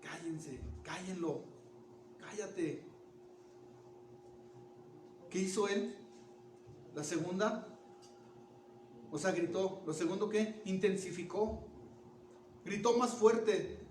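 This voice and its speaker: A man preaching a sermon in an animated way, asking the congregation questions and restarting words. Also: sits high, slow, long pauses, slight background noise. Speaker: pastor. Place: church. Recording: echoey church room from far off.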